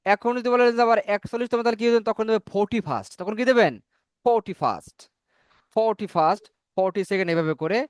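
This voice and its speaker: A man teaching a spoken English class, repeating each number slowly so learners can say it after him. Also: high-pitched, clear, resonant tone, dry recording.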